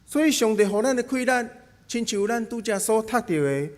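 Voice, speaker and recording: A man's voice: high-pitched, lively intonation, a little fast. A man with a Taiwanese Hokkien accent delivering a sermon in an explanatory way, posing rhetorical questions as he teaches. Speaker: preacher.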